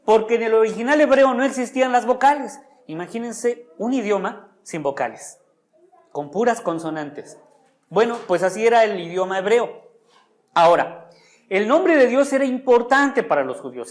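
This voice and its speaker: A preacher delivering a Sunday sermon in church, asking the congregation questions and lingering on key words. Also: medium pitch.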